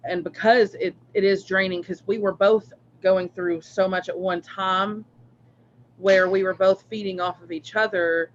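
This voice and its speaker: On a live spiritual reading stream, a man rambles casually with many fillers and restarts. His voice sits high and steady at an unhurried pace, over dull lo-fi stream audio with slight background noise.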